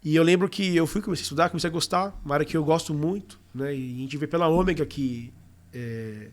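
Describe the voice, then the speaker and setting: A young Brazilian man tells his story as a podcast guest, talking very quickly and with lots of energy. His voice sits a little high for a man, and his casual manner is full of fillers.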